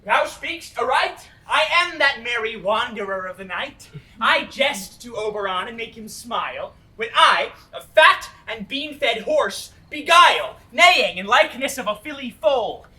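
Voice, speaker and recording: A woman's voice: on the high side, expressive, unhurried, hardly any pauses, pushed and bright. A woman acting a merry, knavish hobgoblin trickster in verse on stage, theatrical and mischievous in the Shakespearean manner. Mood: gleeful, mischievous. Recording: stage recording from a distance.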